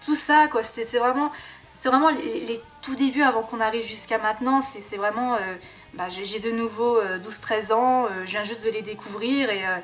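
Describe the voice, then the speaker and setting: A young woman in casual vlog chat, her voice sitting a little high. She rambles in a friendly way, breaks into giggles and keeps restarting her sentences with fillers as she goes. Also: steady tone, moderate pace, soft background music. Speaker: YouTuber doing a music tag.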